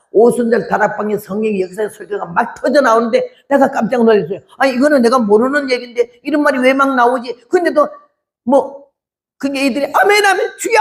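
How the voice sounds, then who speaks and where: A woman in her eighties, a missionary, giving an animated testimony sermon and acting out the voices in her story. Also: on the high side. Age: 80s.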